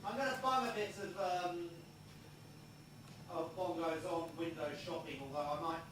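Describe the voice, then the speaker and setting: A man's voice: fairly high pitch, fairly even intonation, normal speed, noisy background. Hesitant man in an echoey studio. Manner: hesitant, gently directing. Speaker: musician and producer. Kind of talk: casual studio chat. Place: recording studio room. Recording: echoey room, mic at a distance.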